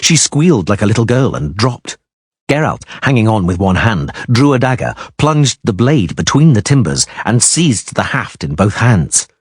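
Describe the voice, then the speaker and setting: Husky male audiobook narrator. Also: on the low side, sing-song, normal speed, no room sound, clean studio sound. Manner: emphatic, swelling on action words.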